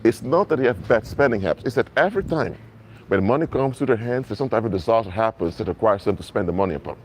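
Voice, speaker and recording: This minister talks fast in a lowish, expressive voice, with slight background noise. Native in Papiamento and Dutch, he preaches earnestly and repetitively to viewers of his mobile-phone live stream, speaking to them directly from outdoors in an urban area.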